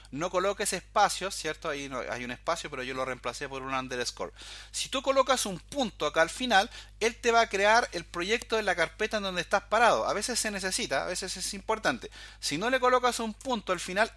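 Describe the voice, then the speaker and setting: A man with a high, sharp voice, recorded without echo, teaches programming in a screen-recorded coding tutorial. He explains every step as he goes and keeps pointing out details to the viewer, often saying "fíjate."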